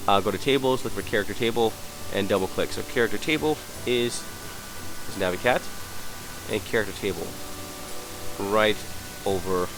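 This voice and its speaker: A hungover, sick man giving an unscripted software tutorial, hesitant and apologetic as he searches around. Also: fairly low pitch, moderate pace, over music, rough recording. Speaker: tutorial presenter.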